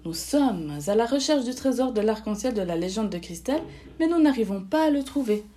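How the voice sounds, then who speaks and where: A small, cautious storybook animal with a soft, caring voice, played by a woman reading aloud. It sounds gentle and concerned. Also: a little high, lively intonation, a little fast, natural voice.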